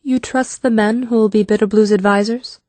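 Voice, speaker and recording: A man's voice: sits high, fairly even intonation, moderate pace, a little mellow, no echo, pitched above the performer's own voice, close to an everyday voice. A man voicing a blunt, determined young woman warrior in an audiobook, speaking earnestly and directly. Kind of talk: audiobook character voice.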